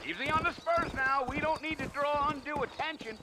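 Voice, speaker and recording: A nosy, rambling frontier guide drawls on in a high voice. Loud hoofbeats and game ambience run under him throughout. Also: male voice, fairly quick, very noisy. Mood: folksy. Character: chatty frontier wagon guide, folksy and nosy. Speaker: hired guide.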